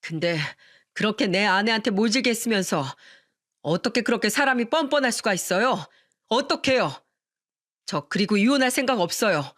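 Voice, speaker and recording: A woman's voice: mid-range voice, lively intonation, moderate pace, a bit bright. A woman reading an earnest husband. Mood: firm, exasperated. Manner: firm and pleading, then tender. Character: earnest young husband standing up for his wife.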